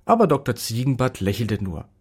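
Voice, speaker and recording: A man reading a children's story aloud in a lively, expressive way. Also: mid-range voice, fairly quick, breathy edge.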